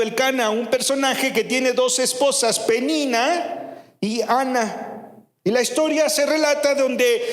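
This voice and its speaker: High-voiced Mexican preacher in a hall. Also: male voice. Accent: Mexican Spanish. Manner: storytelling preacher, swings between lively and hushed. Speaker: pastor. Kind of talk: sermon. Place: church.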